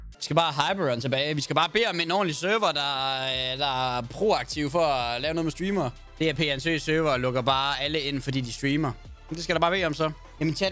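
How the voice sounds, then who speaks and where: A man's voice: on the high side, sharp tone. A man streaming a game, chatting casually to his viewers in a rambling way and swearing now and then. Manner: rambling, swears, talks to chat. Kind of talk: casual live-stream chat.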